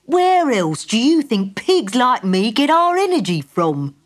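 This male piggy bank character, voiced by a woman pitched a little high, talks slowly and stays unflustered and matter-of-fact. He's generally calm but occasionally turns cross.

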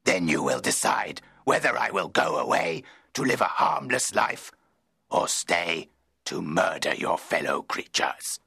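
A man voicing a wretched, menacing man-made monster in a dramatised audiobook, pleading slowly in a rasping, bitter voice. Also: low-pitched, very animated, sharp tone, no room sound, clean studio sound, heavily acted. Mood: grave, insistent. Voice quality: gravelly, rasping. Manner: slow, heavy, emotional pleading.

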